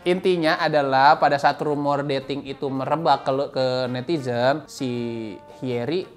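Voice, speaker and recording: A young man with a slightly higher voice who chats casually and teases his co-host while pulling the talk back on track. Faint music sits behind him. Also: fairly even intonation, moderate pace. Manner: teasing, steers the talk back to gossip. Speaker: podcast co-host. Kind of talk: casual chat.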